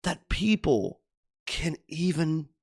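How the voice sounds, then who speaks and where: A man's voice: a little high, animated, takes it slowly, breathy edge. A man hosting a livestream, venting in a heated, profane rant with repeated emphasis. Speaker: livestream host. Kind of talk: angry political rant.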